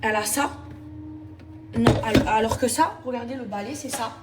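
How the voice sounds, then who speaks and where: A woman's voice: on the high side, normal speed, over loud music. A woman chatting casually and emphatically to her followers while doing housework at home. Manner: chatty, emphatic, slangy, addresses viewers as girls. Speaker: lifestyle vlogger. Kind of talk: casual daily vlog chat to followers. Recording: distant mic with household cleaning clatter.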